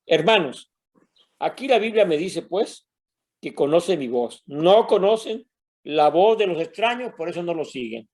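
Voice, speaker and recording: Older Mexican pastor preaching a sermon. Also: male voice, fairly high pitch, expressive, unhurried. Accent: Mexican Spanish. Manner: warm storytelling sermon, addresses congregation as brothers.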